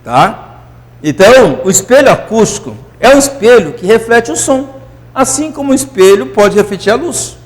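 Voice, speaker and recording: A man teaching physics in a classroom lecture, euphoric and animated, constantly checking that students follow. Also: high voice, moderate pace, in a large hall.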